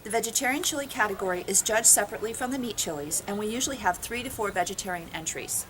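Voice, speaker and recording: A woman's voice: medium pitch, fast talker, noisy background. A woman co-chairing a school fundraiser, reading a scripted, upbeat announcement. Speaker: event co-chair.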